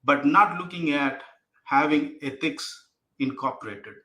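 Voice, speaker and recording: A man's voice: on the high side, unhurried, pushed and bright, roomy sound, low-quality recording. A man speaking as a panelist in an online panel discussion, earnest, often tagging his points with "right?" and "you know". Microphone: video call.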